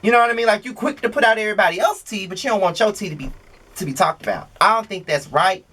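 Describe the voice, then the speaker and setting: A man's voice: high voice, animated, fast talker, bright, forceful tone. A man hosting a gossip commentary vlog in a conversational, opinionated way, with slang and rhetorical questions. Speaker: host of a gossip commentary show.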